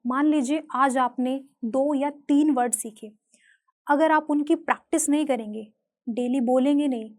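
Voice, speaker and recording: A young woman with an Indian accent teaching a spoken English lesson, saying English words slowly and spelling them out letter by letter. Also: high-pitched, darkish tone.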